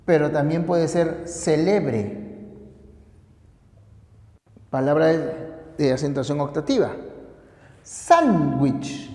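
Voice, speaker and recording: Male teacher, mellow, fairly high voice, long hall reverb. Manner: deliberate, explanatory, stressing each word. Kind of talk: grammar lesson. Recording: echoey room with long reverb.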